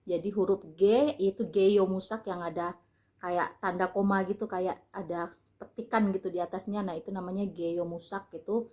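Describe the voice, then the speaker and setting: An Indonesian woman vlogging in a relaxed, chatty way, explaining things with frequent fillers and pauses. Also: fairly low pitch. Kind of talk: casual vlog talk. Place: lives in Turkey.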